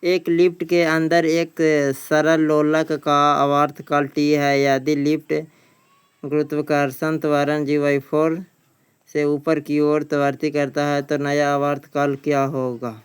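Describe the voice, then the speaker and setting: This man coaches for exams by reading quiz questions and answers aloud at a measured pace with flat delivery. His voice is strikingly clean and smooth, slightly high, and short on melody. He keeps his speech plain and often repeats a phrase.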